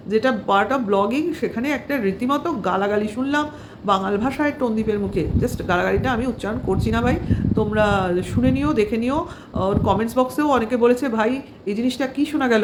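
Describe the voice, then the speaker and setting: A woman's voice: fairly high pitch, a little hiss or hum. A woman vlogger giving casual, sarcastic commentary on another channel, full of fillers and rhetorical questions.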